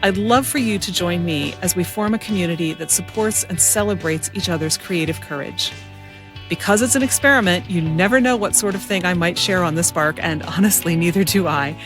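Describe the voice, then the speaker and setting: With music playing behind her, a woman hosts a creativity podcast, delivering a scripted introduction and interview in a presenter style. She is a podcast host and creativity coach whose voice sits on the low side and moves fairly quickly.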